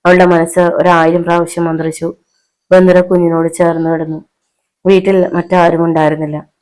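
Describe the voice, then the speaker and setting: A woman from Kerala reading a family thriller novel aloud as an audiobook, in a steady, dramatic storytelling manner. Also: on the low side, rough recording. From Kerala, India. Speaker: audiobook narrator. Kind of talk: scripted novel narration.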